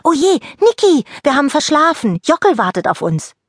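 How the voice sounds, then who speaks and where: A woman voicing a cheerful little flower fairy girl in a storybook, bubbly and high-pitched. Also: expressive, normal speed, slightly rough, no echo, studio quality. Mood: eager.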